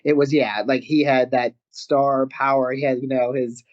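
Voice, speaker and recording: Canadian man telling animated stories. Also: medium pitch, normal speed. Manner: animated, laughs often mid-story. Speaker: guest wrestler. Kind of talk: casual interview storytelling. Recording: slightly muffled audio.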